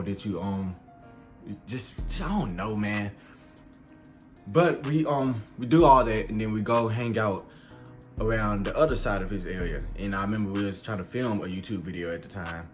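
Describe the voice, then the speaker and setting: A young man vlogger telling a storytime in a casual, rambling, slangy way. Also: lowish voice. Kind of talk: storytime vlog.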